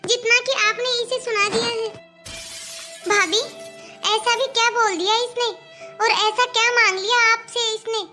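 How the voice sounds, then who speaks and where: A woman voicing a hurt, gentle mother who pleads for her young daughter in a cartoon. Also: extremely high pitch, heavily acted. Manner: pleading, soft-spoken. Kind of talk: cartoon voice acting.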